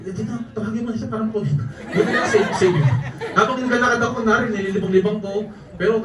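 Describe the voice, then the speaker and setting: A man's voice: high-pitched, fast, over a noisy crowd. A man telling jokey travel stories to a live audience, laughing often as he speaks, recorded from a distance in an event hall. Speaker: network marketing speaker. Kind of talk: storytelling talk to a live audience. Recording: echoey hall, distant mic, audience noise.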